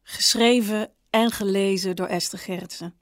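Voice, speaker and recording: Woman calmly reading her own story. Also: medium pitch, moderate pace, no room sound, studio quality. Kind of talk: audiobook narration.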